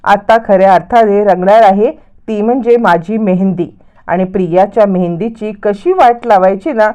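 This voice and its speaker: A woman's voice: mid-range voice, moderate pace, dark tone, dull audio, lightly acted. A woman voicing a scheming young woman who firmly lays out her plan in a retold serial story. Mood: determined.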